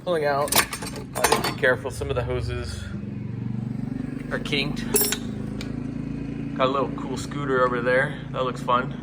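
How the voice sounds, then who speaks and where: A man's voice: mid-range voice, level tone, measured pace, pauses often, heavy background noise. A young man casually explaining a car repair step by step as he works in his garage, with frequent fillers. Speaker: car DIY video host. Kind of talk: casual how-to narration while working.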